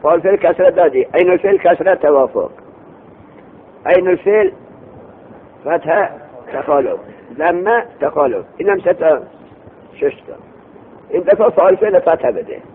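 A man teaching a classroom lesson, explaining terms over and over and quizzing his students. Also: long pauses. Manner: lively, repeats terms, asks students questions. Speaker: teacher of Arabic morphology. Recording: tinny phone-like recording with faint rumble.

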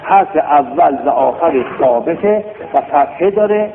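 A man's voice: a little high, lively intonation, slight background noise. A man teaching a classroom grammar lesson, drilling words and quizzing his class. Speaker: religious studies teacher. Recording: tinny phone-like lo-fi recording.

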